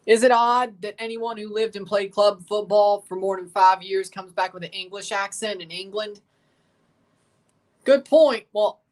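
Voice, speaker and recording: Recorded from a distance, a man with a high-sitting voice and a Southern accent from Mississippi reacts to a match on his livestream. He answers viewers' comments in an easygoing, rambling chat.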